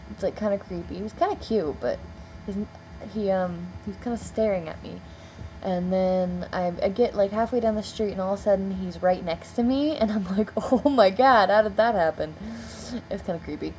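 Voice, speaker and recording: A woman's voice: medium pitch, moderate pace, mellow, slight background noise, poor audio. A young woman in a casual storytelling vlog, rambling and filling her speech with "like" and "um.". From United States. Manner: rambling, heavy on "like" and "um" fillers. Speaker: vlogger.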